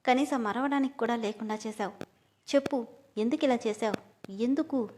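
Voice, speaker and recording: A woman's voice: a little high, normal speed, darkish tone, slight background noise, natural voice. A woman reading the lines of a hurt, angry young wife in a storybook, sounding tearful and accusing.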